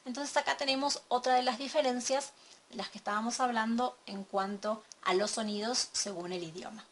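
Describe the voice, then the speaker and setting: A woman teaching a recorded lesson from slides, explaining step by step and checking in with a quick question. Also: on the high side, steady tone, fairly bright tone, slight background noise. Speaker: English teacher.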